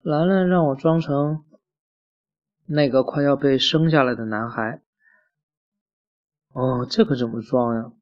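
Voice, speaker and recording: A man's voice: mid-range voice, a little slow, long pauses. A man reading a children's story aloud in a plain way, with small slips and self-corrections. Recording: muffled lo-fi recording.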